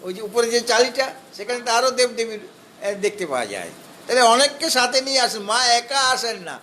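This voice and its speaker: High-voiced Bengali man giving a scripture discourse. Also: big pitch swings, bright, forceful tone, a little hiss or hum. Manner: explains step by step, slow chanted Sanskrit verses, asks rhetorical questions. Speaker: spiritual teacher. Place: hall of a spiritual society.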